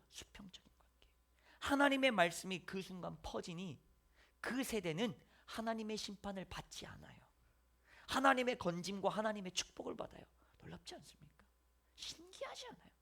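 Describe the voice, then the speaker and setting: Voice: mid-range voice, vocal fry, a bit bright. A pastor preaching a Sunday sermon in a church, acting out little dialogues and dropping at times to near whispers. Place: church sanctuary.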